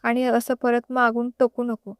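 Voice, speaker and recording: A woman's voice: fairly high pitch, completely flat delivery, measured pace, clear, resonant tone, dry recording, studio quality. A woman reading a storybook voices a cold, dismissive young husband who scolds his wife. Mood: curt.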